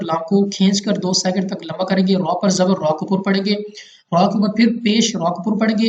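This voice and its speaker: A man's voice: high-pitched, a little mellow. A man from Pakistan teaching Quran recitation rules in a patient, step-by-step lesson, repeating each rule carefully. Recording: roomy, dull lo-fi home recording.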